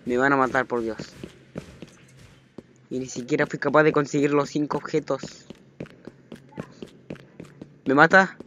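A man giving let's play commentary on a horror game, jumpy and panicky, repeating phrases rapidly when chased. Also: medium pitch, fairly even intonation, fairly bright tone, dull audio. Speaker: gaming channel host. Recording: noisy home recording.

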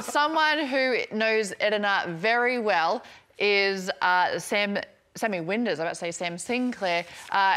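A woman's voice: on the high side, sharp tone. A woman hosting a casual sports show, bubbly as she greets and questions a guest.

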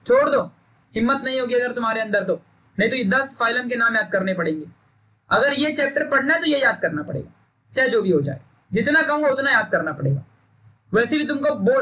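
A man's voice: very high voice, sharp tone. A young man teaching a recorded science lesson, emphatic and stern, drilling points and scolding students into memorizing. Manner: stern, scolding pep talk.

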